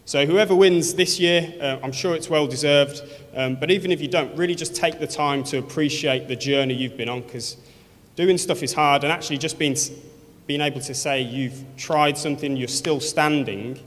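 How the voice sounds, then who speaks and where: At an awards event in a large hall, a man from Birmingham, England speaks earnestly in a Birmingham accent, using many fillers and restarts. His voice is a bit high and fairly bright at a moderate pace, and the hall adds long reverb.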